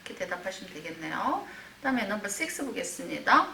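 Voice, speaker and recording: A woman's voice: mid-range voice, sing-song, creaky, pushed and bright, faint music behind. A woman teaching English grammar to older learners in a recorded online class, explaining patiently with many fillers and reading English examples in a Korean accent. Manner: drawn-out English example sentences. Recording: roomy, slightly distant mic with faint background hiss.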